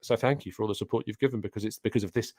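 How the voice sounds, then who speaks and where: A man's voice: fairly low pitch, fairly even intonation, very fast, a little mellow, dry recording. A British man hosting a live football talk show, chatting casually and with opinions as he reads and answers viewer comments, close on a studio microphone. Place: soundproofed home studio setup. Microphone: close studio microphone on an arm with pop filter.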